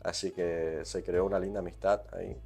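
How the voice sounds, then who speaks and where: A man's voice: sits low, little pitch movement, fairly quick, gravelly, a little mellow, faint music behind. Argentine man telling a rambling anecdote. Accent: Argentine Spanish, Corrientes. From Argentina, Corrientes. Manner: rambling anecdotes peppered with "¿viste?". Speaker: guest musician. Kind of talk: casual interview storytelling.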